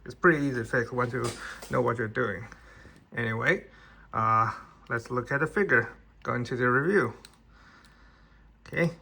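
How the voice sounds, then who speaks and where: Creaky, bright-voiced man reviewing a toy. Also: mid-range voice, normal speed, long pauses. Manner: plain, conversational, with frequent restarts and fillers. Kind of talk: casual product review.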